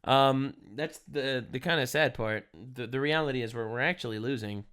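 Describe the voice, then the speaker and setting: A man reacting casually alongside a commentary, with quick interjections that swing from loud outbursts to low muttering. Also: clear, resonant tone. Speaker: co-host reacting. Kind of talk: casual live reaction chat.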